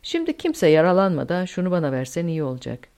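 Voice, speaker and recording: Woman voicing weary male officer, calm, fatalistic, audiobook reading. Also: lowish voice, quick pace. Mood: resigned.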